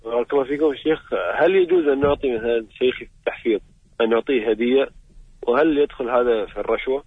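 A man's voice: medium pitch, fast talker, breathy edge, no echo. A man calling in to a radio show over a phone line, politely asking a short question. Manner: polite, asks a brief question.

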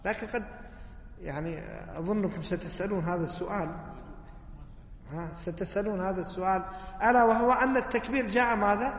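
A religious teacher explains hadith texts, often pausing to ask his listeners a question before answering it himself. His voice sits high for a man. The recording carries a long, roomy hall reverb. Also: slight background noise. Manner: asks rhetorical questions and answers them himself.

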